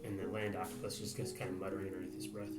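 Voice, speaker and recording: A man's voice: low voice, level tone, racing. A man playing a tabletop game, chatty and full of questions. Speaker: player. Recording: echoey room with loud music behind.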